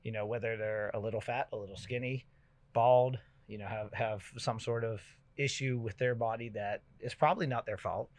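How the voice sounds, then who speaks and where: A middle-aged man hosting a podcast, chatting casually and telling stories with loud bursts when he gets excited. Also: medium pitch, normal speed, no room sound. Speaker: podcast host. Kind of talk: casual chat.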